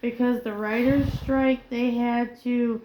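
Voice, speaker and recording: A woman's voice: on the high side, level tone, slow pace, warm tone, slight background noise, rough recording. A woman co-hosting a casual pop culture chat, reading film trivia aloud and often stumbling over and correcting her words. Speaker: co-host.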